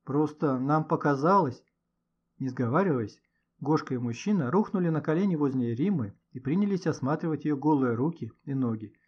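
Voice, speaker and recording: A man with a husky voice, reading a story aloud in a lively, expressive way. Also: on the high side, brisk. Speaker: audiobook narrator. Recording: dull lo-fi recording.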